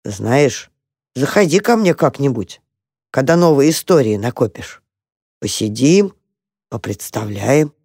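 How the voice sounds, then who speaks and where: A reader voicing an old gentleman mole, pompous yet kindly and easily moved to tears, in a storybook reading. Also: medium pitch, very animated, moderate pace, no echo, clean studio sound, voice pushed up. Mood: hushed.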